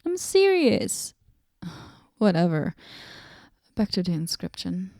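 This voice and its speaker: This is a moody goddess voiced by a woman in a whispered role-play. She speaks slowly in a dark, mellow tone, deadpan and sarcastic, slipping into soft whispers. The sound is close and dry, with no room around it. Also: mid-range voice, no room sound. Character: moody, aloof female goddess, sardonic.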